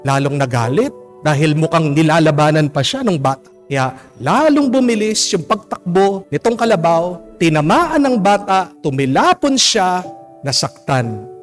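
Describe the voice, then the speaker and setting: Gentle priest telling a homily story. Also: male voice, a little high. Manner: gentle, polite storytelling with frequent respectful particles.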